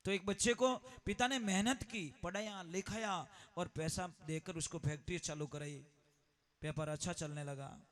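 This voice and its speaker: A man's voice: high-pitched, moderate pace, a bit bright. A man preaching a moral sermon at a conference, acting out family stories with dramatic shifts in voice. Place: education conference hall.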